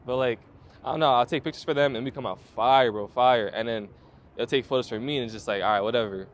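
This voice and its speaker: The audio is dull as a fast-talking, medium-pitched young man, a photographer in his twenties, tells his story. It's a laid-back interview, heavy on slang, fillers and cursing.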